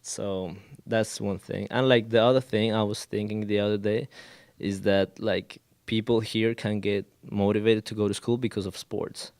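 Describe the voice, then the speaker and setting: A man's voice: fairly low pitch, level tone, moderate pace, darkish tone, no echo. A man in his twenties from Colombia, a Spanish speaker using English as a second language, speaking as a guest in a casual interview and hesitating often with fillers and restarts. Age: 20s. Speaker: guest, college student.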